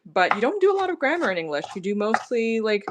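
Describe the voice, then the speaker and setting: A Canadian woman streaming a cooking session chats rapidly and with lots of energy in a fairly high voice, rambling and correcting herself as she goes. She's in her home kitchen with a camera on a tripod, and clicks and clattering fill the noisy background.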